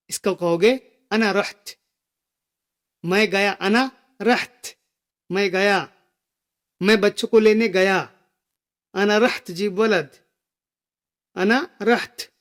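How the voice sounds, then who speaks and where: A man teaching a spoken language lesson, slowly repeating each phrase for learners. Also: high-pitched. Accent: Gulf Arabic phrases within Hindi speech. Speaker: Arabic teacher.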